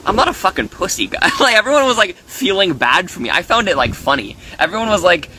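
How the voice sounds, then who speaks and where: A man's voice: sits high, very animated, quick pace, sharp tone, slight background noise. A man streaming live from his phone, rambling casually with lots of fillers and restarts and swearing freely as he vents. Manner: swears freely, aggrieved venting.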